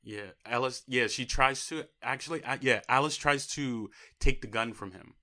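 A man's voice: medium pitch, moderate pace, pushed and bright. A man in a casual movie discussion, critical and emphatic when he objects to how a story ends.

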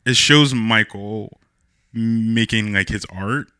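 A man co-hosts a relaxed film chat, speaking slowly and stopping often for fillers and restarts. His voice sounds bright and forward. The recording is dry and close to the mic. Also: lowish voice, clear, resonant tone, dry recording. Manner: halting, many fillers and restarts. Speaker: podcast co-host. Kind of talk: casual film discussion.

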